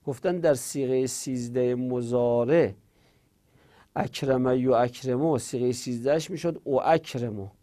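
A man teaching Arabic grammar in a Persian-language class, explaining patiently with filler pauses and rattling off conjugation tables in quick drilled runs. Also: medium pitch, mellow. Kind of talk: classroom lecture on verb conjugation.

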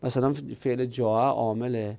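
A man with a gravelly, creaky voice teaches grammar in an explanatory lesson. He moves through each point step by step. He poses questions and answers them himself, the way a patient teacher does. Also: mid-range voice, fairly even intonation, dark tone. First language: Persian.

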